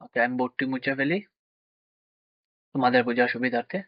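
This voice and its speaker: At a board, a male math teacher leads children through a lesson, posing questions, answering them himself, and checking in often. His voice is medium-pitched and fairly flat, and he talks fast. The lo-fi recording sounds dry and dull, with no echo.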